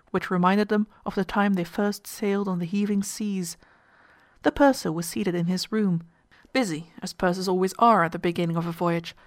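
Woman reading a story out loud, steady, dry no-room sound. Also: medium pitch, no echo. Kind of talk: scripted story narration.

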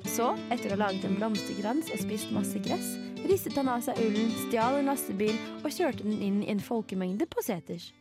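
A woman radio host narrating a satirical fairy tale deadpan, delivering dark jokes matter-of-factly. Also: medium pitch, few pauses. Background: loud guitar music.

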